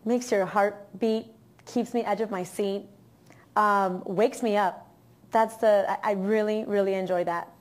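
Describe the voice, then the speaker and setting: A woman's voice: mid-range voice, fairly even intonation, unhurried. A woman with a Miami accent, chatting upbeat as an actress guest in an interview. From Miami, Florida, USA. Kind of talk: casual interview chat.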